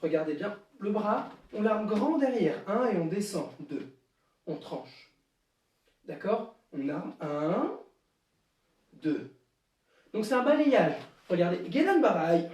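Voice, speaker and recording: A karate instructor, a man, leads a live online class and barks out counts and commands between calmer explanations. His voice rings around a very echoey room, and he sits well back from the microphone. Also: high-pitched, slow pace, long pauses, recorded from a distance. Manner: counts moves aloud with sharp shouted cues. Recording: echoey room, voice away from mic.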